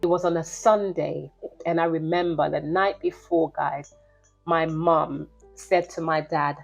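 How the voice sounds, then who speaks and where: A woman's voice: sits low, steady tone, unhurried, creaky, soft background music, low-quality recording. A woman, telling a personal story to her vlog viewers in an earnest, direct way and calling them "guys". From Liberia. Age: 50s. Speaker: vlogger.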